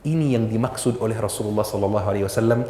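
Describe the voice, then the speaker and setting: A man preaching a sermon to women in a mosque, speaking rhetorically, reciting Arabic sayings slowly and then translating them, with emphatic high-pitched outbursts. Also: dark tone, slight background noise. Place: mid-sized mosque. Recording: echoey mosque hall with faint ambience.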